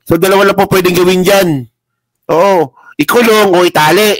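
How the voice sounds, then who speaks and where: A man's voice: sits high, moderate pace, dry recording, rough recording. Mocking, chuckling male vlogger, dry sound. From Philippines. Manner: mocking, laughs often, reads headlines aloud. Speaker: political vlogger. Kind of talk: casual political commentary livestream. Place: indoors at a laptop.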